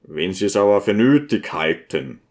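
A man's voice: fairly low pitch, sing-song, moderate pace, a little mellow, pitched below the performer's own voice. A man voicing an eager, vain provincial schoolteacher who sometimes stammers.

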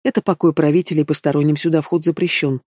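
A man's voice: fairly high pitch, level tone, fast, a little mellow, dry recording, clean studio sound, lightly acted. A man voicing a cold, commanding male dragon ruler in an audiobook, speaking in an icy tone. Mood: stern.

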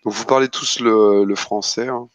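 A man improvising narration as a tabletop game master, casual and halting, often repeating words as he goes. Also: on the low side, fairly even intonation, dry recording.

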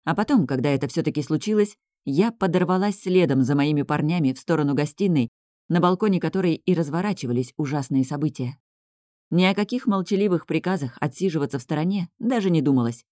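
A woman narrating a first-person romance novel aloud with lively, emotional delivery. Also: low voice, fast talker, no echo, clean studio sound. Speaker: audiobook reader.

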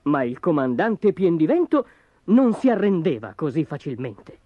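A woman narrating a children's storybook in an expressive, dramatic way. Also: sits low, normal speed, husky, no room sound. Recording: dull lo-fi audio with music behind.

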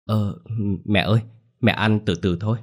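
A man's voice: on the low side, fairly even intonation, normal speed, darkish tone, close to an everyday voice. A man voicing a timid middle-aged daughter-in-law who stammers and pleads. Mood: pleading.

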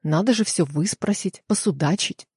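A woman narrates a detective audiobook in a steady storytelling voice. Her tone is husky and set somewhat low. The close studio recording is very dry. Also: moderate pace, dry recording. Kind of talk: scripted narration.

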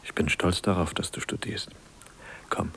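An actor playing a devoted husband caring for his dying wife, speaking gently and often in a whisper, in a German radio play. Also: low voice, moderate pace. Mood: gentle.

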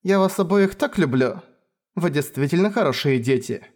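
A loving elder sister who speaks softly and tenderly, her voice lifted above a man's usual range, as a male narrator puts her on. She sounds steady and protective, with a lively lilt. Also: a little high, normal speed, voice pushed up, close to an everyday voice. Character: gentle eldest sister, young woman, brave and loving.

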